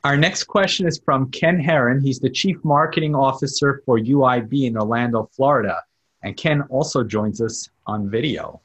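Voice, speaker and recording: A man's voice: medium pitch, normal speed, breathy edge. A male host introducing callers in a brief, formal way.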